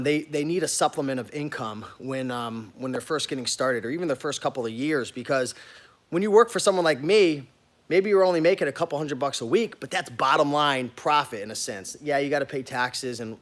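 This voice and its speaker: An American man with a medium-pitched, fairly bright voice talks informally and straight to the camera. He's an online reseller and business owner giving a casual walk-through vlog of his warehouse.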